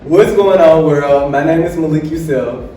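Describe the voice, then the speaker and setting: Hyped late-20s guy from alabama, warm mellow tone, echoey far mic. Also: fairly high pitch, normal speed, a little hiss or hum. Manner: energetic, upbeat. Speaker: content creator. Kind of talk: casual self-introduction. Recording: echoey room, distant mic.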